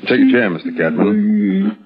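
A man playing a calm, firm prosecutor in a 1950s radio drama, with a controlled, official manner. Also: medium pitch, moderate pace, slightly rough, heavily acted. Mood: calm, businesslike. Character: businesslike assistant district attorney, calm, firm questioner. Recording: muffled vintage radio recording with music.

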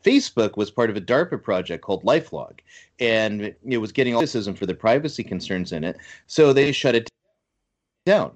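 A man's voice: on the low side, big pitch swings, fairly quick. A man on a talk show explaining his point insistently and emphatically. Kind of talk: casual talk show chat.

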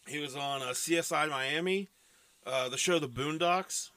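Bright-voiced man rambling through movie talk. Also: a little high, moderate pace, no room sound. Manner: rambling, lots of fillers and trailing lists. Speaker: podcast co-host. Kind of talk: casual movie-review chat.

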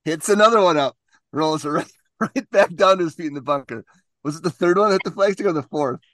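A man's voice: a little high, fairly quick, fairly bright tone, dry recording, clean studio sound. A man co-hosting a casual golf podcast, telling a story and laughing as he goes. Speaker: podcast co-host. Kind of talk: casual chat.

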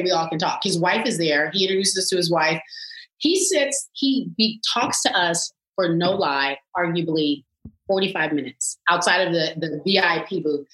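A woman in her thirties, a sports TV anchor, telling stories in casual chat with lively jumps up into a high voice. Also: roomy sound, low-quality recording. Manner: animated, swoops up high when acting out her reactions.

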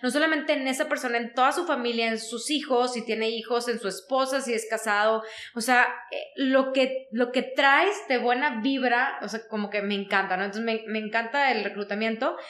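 A woman's voice: fairly high pitch, moderate pace, hardly any pauses. Woman telling her story, roomy sound. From Mexico. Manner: animated, frequent fillers like "o sea" and "¿no?". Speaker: guest, HR consultant. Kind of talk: conversational interview storytelling.

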